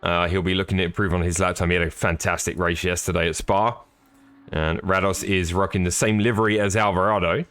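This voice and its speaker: A man's voice: sits low, fairly even intonation, fairly quick, fairly bright tone, clean tone, dry recording. A man giving live, chatty sim racing commentary with jokey, apologetic asides.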